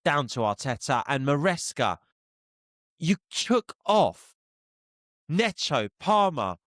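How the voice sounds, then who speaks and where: A young man hosting a casual football chat, blunt and opinionated, quick to laugh. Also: fairly high pitch, sing-song, fairly bright tone, no echo, studio quality. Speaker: podcast host.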